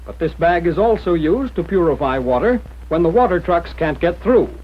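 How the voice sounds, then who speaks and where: An American man reading scripted instructions in the formal, measured manner of a 1940s military training film narrator. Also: fairly high pitch, animated. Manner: mid-century newsreel-style narrator, formal, measured instruction. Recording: dull, lo-fi 1940s film soundtrack.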